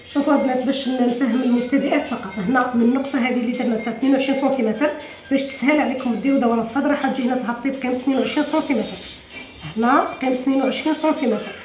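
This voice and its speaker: A woman with an Algerian Arabic accent teaching a sewing tutorial, talking quickly to viewers and often correcting herself. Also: high voice, a little mellow, roomy sound. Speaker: sewing instructor. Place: room at a cutting table.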